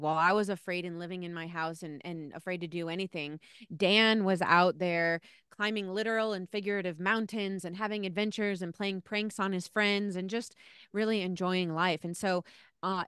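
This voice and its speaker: Earnest woman in her thirties, very clear voice. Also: lowish voice, no room sound, studio quality. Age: 30s. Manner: earnest, animated hand gestures. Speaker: guest, spiritual teacher and author. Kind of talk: personal storytelling in interview. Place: home room, video call. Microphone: handheld-style mic on stand, close.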